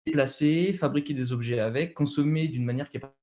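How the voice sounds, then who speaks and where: A man's voice: a little high, a little fast, warm tone. A young man with a French accent presenting slides over a video call, hesitant, with many fillers and restarts.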